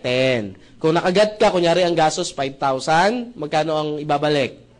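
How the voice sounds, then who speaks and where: High-voiced man giving a joking sales seminar. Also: animated, normal speed. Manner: jokey, with frequent rhetorical "tama ba?" checks; addresses the audience as brothers and sisters. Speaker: seminar presenter pitching membership benefits. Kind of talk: humorous sales talk to a live audience.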